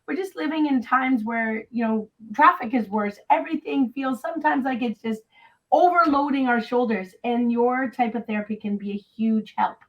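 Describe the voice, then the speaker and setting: A woman's voice: fairly high pitch, normal speed, highs cut off. A woman running a clinic, enthusiastically interviewing a new team member. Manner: upbeat, enthusiastic. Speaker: clinic director interviewing staff.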